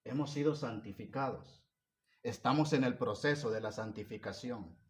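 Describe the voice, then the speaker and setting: A male preacher delivers a sermon in a mid-range voice. He builds to loud, emphatic peaks and then drops to soft, hushed passages, pressing his listeners with rhetorical questions. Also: medium pitch, moderate pace. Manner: asks the congregation repeated rhetorical questions.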